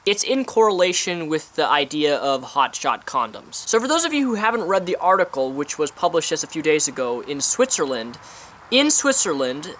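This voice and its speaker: A man's voice: a little high, pushed and bright, a little hiss or hum. A young man giving his opinions in a casual vlog, chatty and talking with food in his mouth, recorded outdoors. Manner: chatty, eating while talking. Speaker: vlogger. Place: outdoors on a sunny day.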